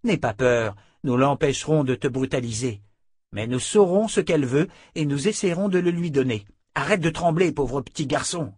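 A man's voice: a little high, lively intonation, normal speed, a little mellow, husky, dry recording, studio quality. Male reader voicing a tough female border sergeant, blunt and commanding.

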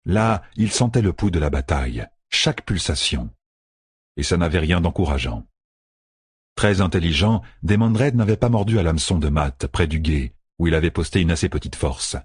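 A male narrator reads in a measured, dramatic way. His voice is very deep and husky, with a lively rise and fall. The recording is dry and close. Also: no echo. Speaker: audiobook narrator. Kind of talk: scripted narration.

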